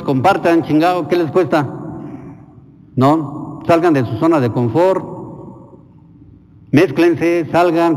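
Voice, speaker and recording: A Mexican priest preaching an informal homily, colloquial, earthy and blunt, with slang. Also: male voice, on the high side, darkish tone, in a large hall, poor audio. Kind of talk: informal homily and prayers at Mass. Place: chapel.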